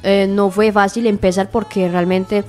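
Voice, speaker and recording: Young woman, singer guest, friendly chatty, mid pitch, faint music behind. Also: flat delivery, normal speed, a little mellow. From Spain. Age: young adult. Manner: friendly, chatty, with frequent fillers and tag questions. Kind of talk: radio interview.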